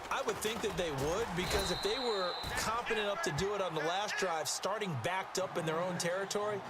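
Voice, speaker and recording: Actor as folksy American football analyst, loud noise. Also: male voice, sits high, fairly quick, lightly acted. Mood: analytical. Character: male football color analyst in video game, folksy, explanatory. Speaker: color commentator. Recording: loud game noise behind voice.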